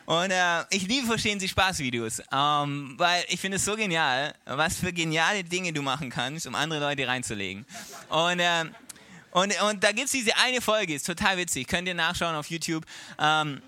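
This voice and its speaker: Bright, animated preacher man. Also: on the high side, normal speed, no echo. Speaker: pastor. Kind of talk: sermon with Bible reading and prayer.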